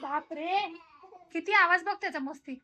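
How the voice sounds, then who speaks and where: A woman's voice: very high voice, normal speed, heavy background noise. A mother chatting casually at home in her kitchen for a vlog, coaxing and playing with her toddler in a playful sing-song way.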